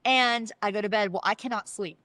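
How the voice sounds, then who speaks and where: A woman's voice: medium pitch, a little fast, no room sound. A woman sharing her personal story in a casual podcast chat, acting out the voices of the people in it. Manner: animated, acts out dialogue with quoted voices. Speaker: guest sharing testimony.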